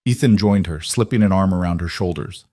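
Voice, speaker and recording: A man narrates a romance story in a measured, even manner. His voice sits on the low side. The recording is dry, with no room sound. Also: no echo. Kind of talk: scripted narration.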